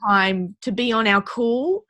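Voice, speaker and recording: A woman's voice: fairly high pitch, measured pace, a bit bright, dry recording. A woman hosting a video call, gushing with thanks to her guest. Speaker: call host. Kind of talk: casual video call chat.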